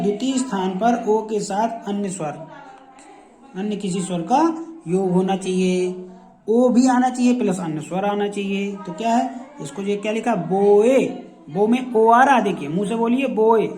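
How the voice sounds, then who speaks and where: A man teaching a shorthand lesson, repeating each example word several times as he walks through the rules. His voice is dark and mellow. He is recorded in a roomy space with plenty of echo. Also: sits high, unhurried. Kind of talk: classroom lesson. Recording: echoey room.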